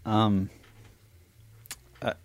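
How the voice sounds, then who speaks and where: A man co-hosting a radio show in a studio, hesitating with lots of ums when quizzed. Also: drawn-out words. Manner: hesitant, full of ums when put on the spot. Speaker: radio co-host. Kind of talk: casual studio radio banter.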